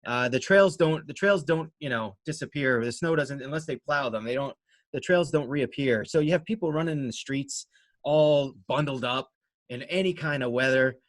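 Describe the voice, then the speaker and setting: A man's voice: mid-range voice, moderate pace, no echo. A man answering interview questions casually as a guest, in a rambling, self-deprecating way. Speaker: interview guest, amateur runner and race organizer.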